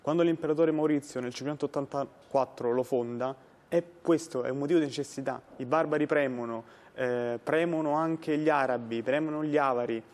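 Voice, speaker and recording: A man's voice: mid-range voice, a little fast, a little mellow. A young man in his twenties, a student guest, giving an earnest, explanatory answer. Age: 20s. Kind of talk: prepared studio answer. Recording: reverberant studio.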